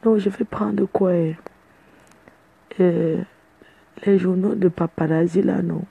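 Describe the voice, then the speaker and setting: Gravelly, husky woman, slow and boastful. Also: lowish voice, steady tone, narrow, tinny audio. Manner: boastful, playful, chatty. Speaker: social media personality addressing fans. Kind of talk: casual live video chat.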